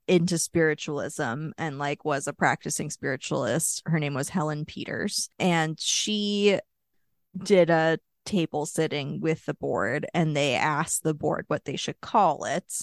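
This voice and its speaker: A woman's voice: low-pitched, no room sound, studio quality. A woman co-hosting a casual podcast chat, telling a story at length with many fillers and wry asides. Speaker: podcast co-host.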